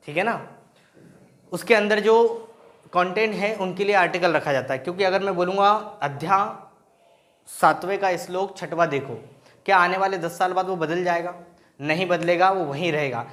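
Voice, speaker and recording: In a classroom-style grammar lesson, a man teaches in Hindi mixed with English terms, posing his own questions, answering them, and often checking in with "right?". His voice sits high and is a bit bright.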